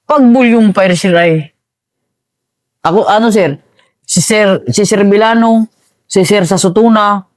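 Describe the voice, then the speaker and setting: In a dry recording, a man with a high-sitting voice describes his combat experience as an army veteran. The interview is casual, and he hesitates often while calling the host "sir" over and over.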